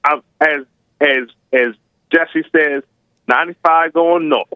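A man's voice: a little high, fairly even intonation, slow pace, no echo. Slurring man on a narrow phone line. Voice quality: slightly slurred articulation with slushy s sounds. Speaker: caller to a talk show. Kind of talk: casual phone-in talk.

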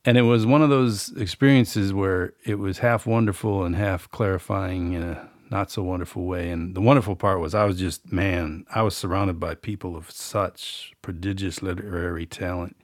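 A man's voice: deep voice, fairly even intonation, moderate pace, few pauses, dry recording, studio quality. A middle-aged man, an author and podcast host, reading from his own novel and then rambling in a folksy, self-deprecating way.

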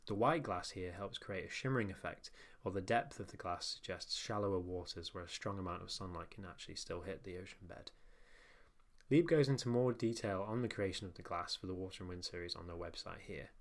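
A man's voice: low voice, brisk. A young man with a nasal voice reads his own newsletter aloud in a casual, wry tone, with swearing and self-mocking asides. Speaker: newsletter narrator and podcast host.

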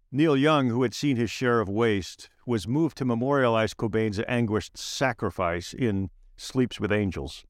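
A man reading aloud his own essay in a measured, wry narration with slowed emphatic phrases. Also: mid-range voice, dry recording, clean studio sound.

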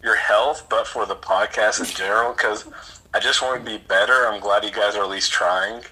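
A man calling in over a speakerphone, teasing the hosts in a dry, flat way during casual chat. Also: fairly low pitch, moderate pace, slightly rough, low-quality recording. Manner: dry, teasing critique delivered flatly. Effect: heard over a speakerphone. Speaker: caller to the podcast.

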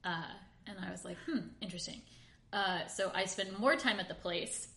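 A woman's voice: medium pitch, fairly even intonation, moderate pace, gravelly, sharp tone. A woman in her late twenties telling a long, rambling, self-deprecating story as a podcast co-host, full of "like" fillers. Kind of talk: casual storytelling chat. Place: home room in Queens. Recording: roomy echo.

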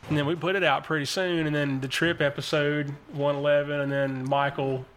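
A man hosting his podcast, chatting casually and rambling as he thinks out loud. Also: fairly high pitch, level tone, a little fast, a little hiss or hum. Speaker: podcast host. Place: podcast studio.

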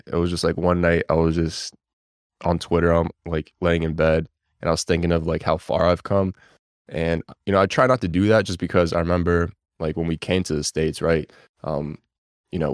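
A man in his twenties from Bulgaria, whose first language is Bulgarian, talking as a podcast guest in a relaxed, rambling way full of fillers. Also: low-pitched, no echo, clean studio sound. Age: 20s. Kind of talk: casual podcast interview.

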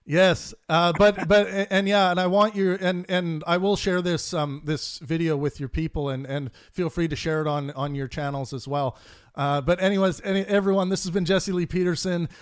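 A man's voice: sits high, steady tone, normal speed, smooth, dry recording, clean studio sound. A man who hosts a podcast and chats casually, laughs easily and often restarts his sentences. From Canada. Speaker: podcast host. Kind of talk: casual debate chat on a live stream.

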